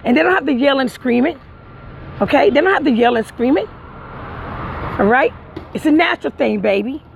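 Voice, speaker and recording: High gravelly man preaching outdoors. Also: expressive, normal speed, muffled recording, slight background noise. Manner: emphatic, repetitive, preachy. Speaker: vlogger. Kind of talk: casual heartfelt monologue to viewers.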